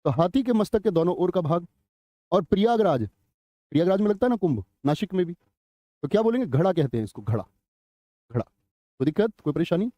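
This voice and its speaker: A man's voice: sits high, very animated, fairly quick, long pauses, dark tone, dry recording. A middle-aged man teaching a live online grammar class, chatty, telling anecdotes and quizzing students.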